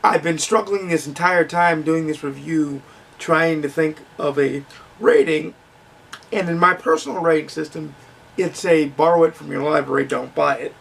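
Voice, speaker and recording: A man's voice: on the high side, steady tone, normal speed, gravelly, fairly bright tone, husky, distant mic. A man giving a frank, conversational book review with ums and restarts, his voice starting to crack.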